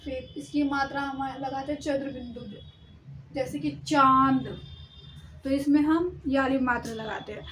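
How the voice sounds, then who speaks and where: A woman's voice: high-pitched, steady tone, a little fast, few pauses, darkish tone, slight background noise, poor audio. A woman teaching Hindi vowel signs, explaining step by step and sounding out letters, sometimes stopping to correct herself. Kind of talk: explaining a lesson on writing.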